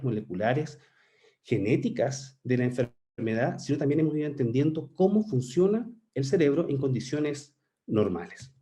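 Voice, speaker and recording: Animated man lecturing. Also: medium pitch. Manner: explanatory, with frequent rhetorical "¿cierto?" checks; occasional restarts and "eh" fillers. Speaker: conference speaker, researcher. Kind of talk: scientific conference lecture.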